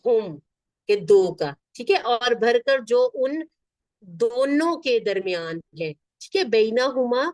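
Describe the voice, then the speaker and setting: Woman, Quran teacher, patient repetition, mid pitch, dry close sound. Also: dry recording. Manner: patient, repeats words slowly and checks in with students. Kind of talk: word-by-word Arabic vocabulary lesson.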